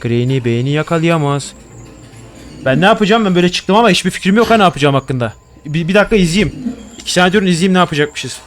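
A man's voice: sits high, lively intonation, rapid-fire, slight background noise. A young man commenting on a horror game he plays at home. He gets jumpy, swears a lot and chats to the objects he finds. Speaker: gaming YouTuber. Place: home room.

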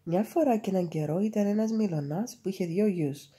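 A woman reading a fairy tale aloud in a calm, measured storytelling manner. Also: medium pitch.

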